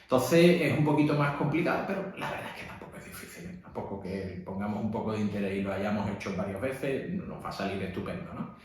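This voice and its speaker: A man's voice: fairly low pitch, expressive, quick pace, a little mellow. A man with a Spanish accent, a priest teaching how to read at mass, in a conversational way with frequent tag questions. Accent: Spanish (Spain). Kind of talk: instructional talk. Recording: echoey room.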